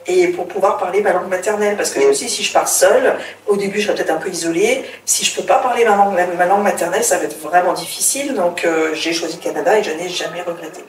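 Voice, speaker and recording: A middle-aged woman from France, her voice on the low side and her pace quick, shares her story as a guest in a relaxed interview, hesitating and restarting frequently. The sound is roomy, with a far-off mic and a faint hiss underneath.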